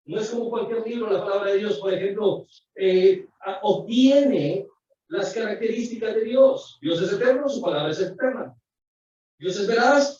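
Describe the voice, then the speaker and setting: Guy preaching, loud and repeats himself a lot, really echoey church, faint hiss. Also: sits high. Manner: emphatic, repetitive preaching, addresses listeners as brothers. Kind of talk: sermon. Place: church sanctuary. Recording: echoey distant lo-fi church recording.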